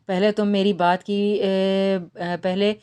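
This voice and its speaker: A woman voicing an earnest, gentle young man courting the woman he loves in an audiobook novel reading. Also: medium pitch, level tone, clean tone, lightly acted. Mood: tender. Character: earnest young man in love, tender suitor.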